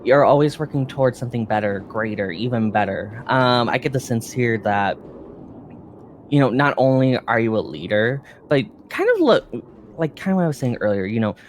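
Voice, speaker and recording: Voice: medium pitch, lively intonation, normal speed, slight background noise, close to an everyday voice. A performer playing an earnest, encouraging psychic medium, giving a tarot reading in a hesitant, reassuring, intuitive way. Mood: reassuring, intense. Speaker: psychic tarot reader in a role-play. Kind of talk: improvised role-play tarot reading, seance medium manner.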